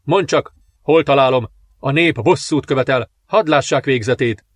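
A man's voice: mid-range voice, dry recording, close to an everyday voice. A man voicing a triumphant young prince, eager and joyful, in a storybook reading.

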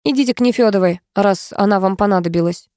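A woman voicing a sprightly elderly neighbor who gives brisk directions and sounds doubtful. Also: mid-range voice, a little mellow, dry recording, clean studio sound, natural voice. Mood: curt. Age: older. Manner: brisk, skeptical.

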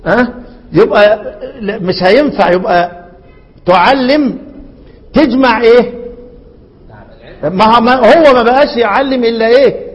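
A man's voice: extremely high pitch, a little slow, long pauses. A man with an Egyptian accent teaching a recitation lesson, often asking his students rhetorical questions and repeating key words. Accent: Egyptian Arabic. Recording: lo-fi recording in a reverberant hall.

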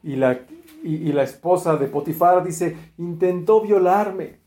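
A man preaching a sermon, retelling a Bible story in a lively way and acting out the quoted speech, with frequent fillers and restarts. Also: a little high, moderate pace, echoey room.

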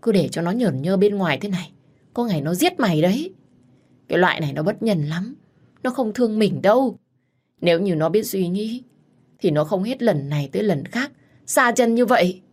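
Woman reading as a loud blunt young woman friend, storybook. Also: lowish voice, normal speed, lightly acted. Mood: outraged.

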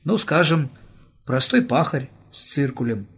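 A man voicing a mild-mannered, curious intellectual who speaks in a measured way. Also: medium pitch, expressive, breathy edge.

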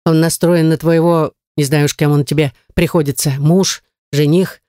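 A woman's voice: deep voice, fairly even intonation, moderate pace, mellow, no room sound, studio quality, natural voice. A woman reading the lines of a bossy male talking skull who acts as the group's mentor, in a storybook audiobook. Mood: urgent. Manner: gruff commanding outbursts.

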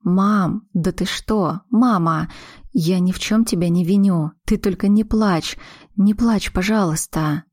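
A woman's voice: mid-range voice, a little slow, darkish tone, no room sound, studio quality, lightly acted. A woman voicing an emotional, vulnerable grown daughter who speaks in a pleading, earnest way in an audiobook. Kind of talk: audiobook character reading.

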